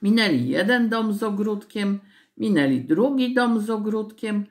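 A woman reading a children's story aloud with an expressive, storytelling manner. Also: medium pitch, a little slow.

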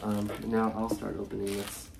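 A young woman with an unusually deep, low voice, talking in an easygoing, matter-of-fact way. She speaks into a camera mic in a hotel room. Faint background noise sits under the voice. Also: monotone, normal speed, gravelly, darkish tone. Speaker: travel vlogger. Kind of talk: casual chat.

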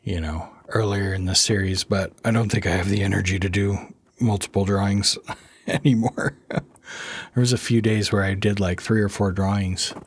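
The host of an art channel talks through his drawing in a soft-spoken, rambling voice-over, clearly under the weather and low on energy. His raspy voice is fairly low and fairly even in intonation, moving at a normal speed.

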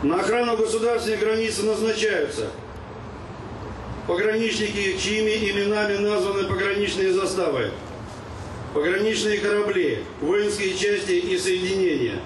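A middle-aged man giving a military parade-ground address, loudly barking commands like a drill sergeant. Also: high-pitched, normal speed, background noise. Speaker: ceremony leader reading a military roll call. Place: outdoor square, stand microphone. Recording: echoing distant PA with music behind.

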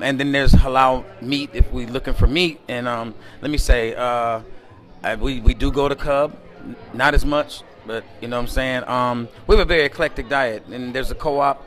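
A man answering interview questions in a relaxed, rambling way, full of fillers, recorded close to a camera indoors at a community event. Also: medium pitch. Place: indoor event space by a window at night.

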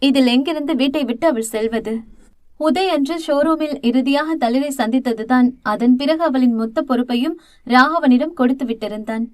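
A woman narrates an audio novel in a steady, expressive reading. Her voice sits high. The recording is dry and close, with no room sound. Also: moderate pace, no echo. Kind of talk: scripted narration.

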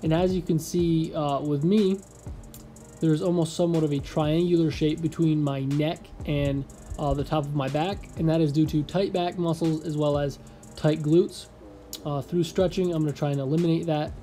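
Indoors in his small apartment, a young adult man gives a laid-back vlog, guiding a stretching routine and joking while preparing a sandwich. He speaks at a moderate pace in a slightly high voice, and faint music can be heard behind him.

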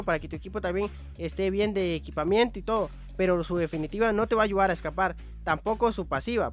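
A young man giving excitable, chatty live commentary on his own gameplay. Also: high voice. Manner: excitable, chatty, swears lightly while playing. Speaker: gaming YouTuber.

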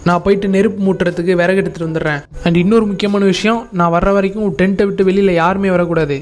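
A man's voice: high-pitched, fairly even intonation, quick pace, close to an everyday voice. A man playing an easygoing game hero and narrating a gameplay video, speaking plainly and giving instructions to his friends and viewers.

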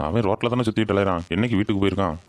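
A low-voiced man, lightly acting, plays a cheeky, crafty farmhand in a village comedy skit, arguing rapidly, scheming and pretending to be angry. The recording has no room sound.

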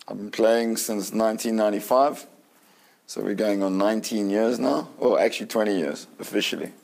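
A South African man in his thirties, an ice hockey player giving steady, earnest interview answers. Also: fairly low pitch, moderate pace, creaky. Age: 30s. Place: indoor room with curtains.

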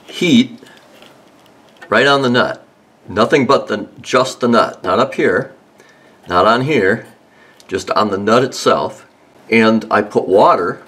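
A man with a fairly low voice talks through a garage repair job in a relaxed, meandering way. He pauses with ums and restarts his sentences, like someone thinking aloud as he works. The sound comes from a handheld phone held close, under a car. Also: slight background noise. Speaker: home mechanic host. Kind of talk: casual how-to demonstration.

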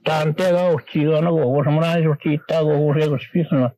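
An older man from Manitoba, Canada, a guest on a radio interview, recalling old times in a rambling, halting way with many restarts. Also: on the high side, fairly even intonation, mellow, slight background noise, rough recording.

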